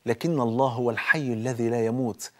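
A man with an Egyptian accent giving a colloquial religious talk, speaking straight to the listener and slowing down to quote scripture. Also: medium pitch, fairly even intonation, darkish tone. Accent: Egyptian Arabic. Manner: exhorting, addresses listener directly, quotes scripture slowly. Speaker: preacher.

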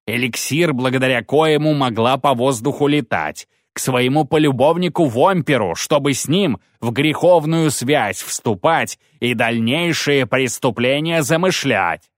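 A man voicing a fanatical village priest who rants and accuses in a shrill, raised voice. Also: no echo, studio quality, close to an everyday voice.

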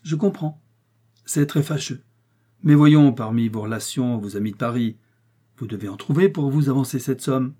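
A man voicing a shrewd, blunt older village mayor from Normandy, lecturing his son-in-law in a dark, husky voice. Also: medium pitch, normal speed, close to an everyday voice. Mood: stern.

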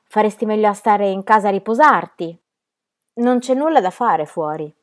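A wary young wife, gentle and hesitant, as a woman reads her lines. She speaks softly, with questions that lift at the end. It sounds like a storybook reading. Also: mid-range voice, normal speed, voice pushed up, lightly acted.

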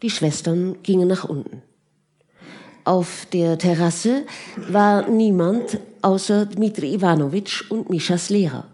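A woman narrates a novel in a calm, measured audiobook reading. She reads very slowly. Her voice sits on the low side. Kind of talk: scripted narration.

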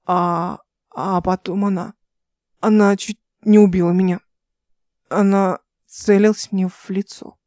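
A woman's voice: medium pitch, flat delivery, mellow, no echo, studio quality, close to an everyday voice. A woman reading as a drunk, dazed male pilot. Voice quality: slurred, halting speech.

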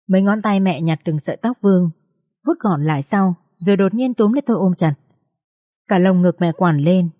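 A woman reads an emotional first-person story aloud as an audiobook narrator. Her voice sits low and mellow, and the recording is close and dry. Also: no echo.

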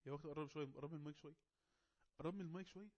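A man with an Egyptian Arabic accent running an online English class, coaxing and teasing quiet students to speak up. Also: on the high side, very fast, dull audio. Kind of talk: casual online class moderation.

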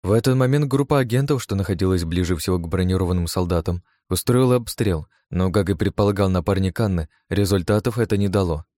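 A man narrating an audiobook, reading in a steady, even way. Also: sits low, fast talker, few pauses, dry recording.

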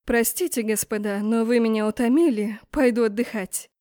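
A woman's voice: on the high side, normal speed, warm tone, no echo, clean studio sound, natural voice. A woman voicing a haughty, hysterical empress who shrieks and snaps at everyone. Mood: affected. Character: hysterical shrill fire-breathing woman, an empress.

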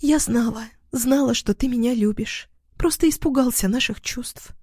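A man voicing a volatile, clingy young woman in an audiobook, given to shrill screaming outbursts. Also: moderate pace, darkish tone, no echo, studio quality. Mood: tearful. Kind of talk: audiobook character voice.

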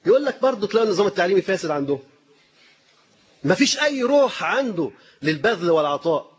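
A man's voice: high voice, very animated, very fast, slightly rough, lo-fi sound. A man with an Egyptian accent preaching a sermon in an impassioned way, piling up rhetorical questions and repeating his phrases. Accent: Egyptian Arabic.

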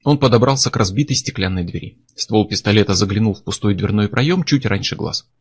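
Husky male audiobook narrator. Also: lowish voice. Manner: measured, dramatic reading.

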